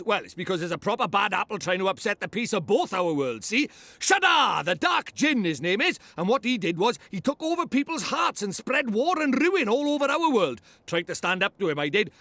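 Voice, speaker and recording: A man with a Welsh accent voicing a brash, chatty, self-important little fairy lord in an animated fantasy game. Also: very high-pitched, no echo, heavily acted. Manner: blustering, cheeky, theatrical.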